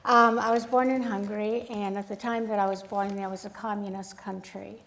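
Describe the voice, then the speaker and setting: A woman photographer giving a casual, storytelling talk at an art club, chatty and animated, acting out the dialogue she recalls. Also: mid-range voice, moderate pace, noisy background. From United States, grew up in Sacramento. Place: art club event room. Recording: echoey room.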